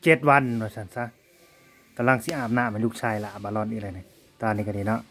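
A man's voice: lowish voice, fairly even intonation, fast, fairly bright tone. Chatty man with an Isan accent. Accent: Isan Thai. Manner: chatty, keeps calling out to viewers as brothers and sisters. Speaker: vlogger filming family life. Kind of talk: casual running commentary to viewers. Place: family home in a rural village.

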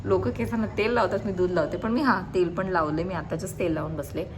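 A woman's voice: fairly low pitch, steady tone, fairly quick, background noise. A young woman with a Marathi accent, chatting in a casual home vlog and repeating her words. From India. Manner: chatty, repeats words, mixes in English and Hindi. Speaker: vlogger. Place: family home.

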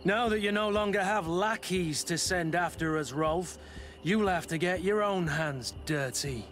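An actor playing a seasoned, principled and indignant guard captain in a video game. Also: male voice, sits high, measured pace, fairly bright tone. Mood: defiant. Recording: faint background noise.

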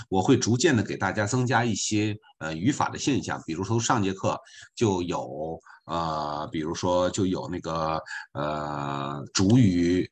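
A low-voiced man with a husky, slightly rough tone teaches a beginner class over an online call. He talks patiently and conversationally, repeating key points and dropping in small asides as he goes. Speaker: volunteer French teacher.

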